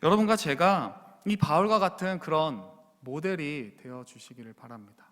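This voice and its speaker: A pastor delivers a Wednesday-style sermon in a fairly high voice. His words echo with a long church reverb. He speaks earnestly and keeps turning to the congregation with direct questions. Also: moderate pace, fairly bright tone. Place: church sanctuary.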